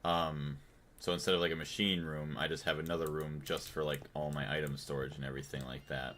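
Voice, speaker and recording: A man's voice: rumbling low, flat delivery, brisk, fairly bright tone, a little hiss or hum. A man from the United States chatting casually on a gaming livestream, thinking aloud and thanking his chat. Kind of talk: casual live-stream chat while playing.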